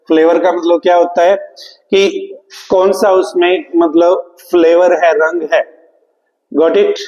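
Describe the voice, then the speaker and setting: A male English teacher coaching for an exam, who asks the class questions and answers them himself, repeating key words and reading English slowly. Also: fairly high pitch, a little mellow, big-room sound, highs cut off. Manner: reads English question text slowly and deliberately; calls students "beta" affectionately. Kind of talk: classroom lesson.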